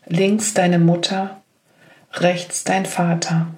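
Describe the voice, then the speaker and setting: A woman leading a guided meditation, giving gentle, slow instructions. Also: lowish voice, level tone.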